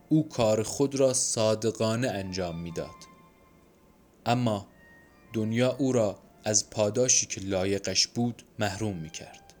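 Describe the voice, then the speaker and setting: A man reading a literary story aloud as an audiobook narrator, measured and somber. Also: fairly low pitch. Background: soft instrumental music.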